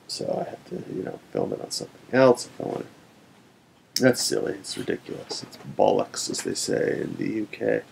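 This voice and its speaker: Very gravelly, drunk young man rambling. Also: wildly swooping pitch, low-quality recording. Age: young adult. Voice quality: gravelly, creaky. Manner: drunk, meandering, with long pauses. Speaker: vlogger. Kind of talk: rambling casual webcam vlog. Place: small wood-panelled room, indoors. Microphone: built-in webcam laptop microphone. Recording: faint noise, low rumble.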